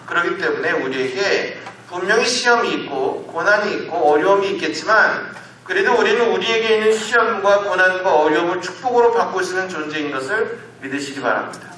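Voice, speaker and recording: A man's voice: high voice, sharp tone, slight background noise. A male senior pastor preaching a Sunday sermon in a church sanctuary, asking his listeners question after question. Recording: echoey church hall, mic at a distance.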